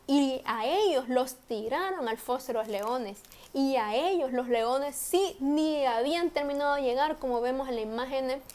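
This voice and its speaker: A high-pitched woman leads a children's Bible class. She tells the story in short, simple phrases for young listeners and often restarts a word or a clause mid-sentence. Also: darkish tone. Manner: slow, simple storytelling for children, with self-corrections. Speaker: Sunday school teacher.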